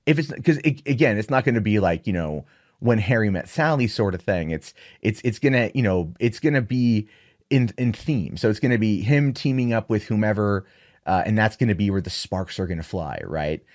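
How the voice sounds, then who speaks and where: Man, low voice, sarcastic movie commentary, exasperated solo rant. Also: normal speed. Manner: sarcastic, exasperated, animated rants.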